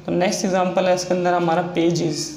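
A man's voice: high voice, flat delivery, fast talker, darkish tone. A man teaching a shorthand lesson, explaining each step over and over. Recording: echoey room with faint noise.

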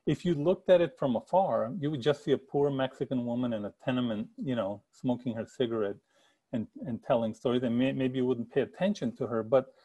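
A middle-aged author from the El Paso area of Texas gives a book talk full of personal stories from an attic room at home, speaking over a video call with earbuds. His mellow, mid-range voice is brisk, and he is earnest, gestures a lot, and restarts frequently.

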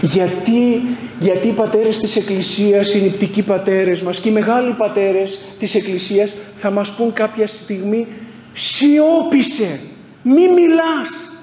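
High-voiced priest preaching in echoing church. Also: male voice, fairly even intonation, a little mellow. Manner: rhetorical, asks and answers his own questions; builds emphatic repeated lists. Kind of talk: sermon. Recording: echoey church hall, faint background hum.

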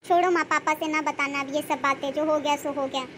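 A meek cartoon wife who can't have a child. her voice sits high and sounds tearful and resigned, as if always about to plead. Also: fairly even intonation, fairly quick, fairly bright tone, slight background noise. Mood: sad, resigned. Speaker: cartoon character.

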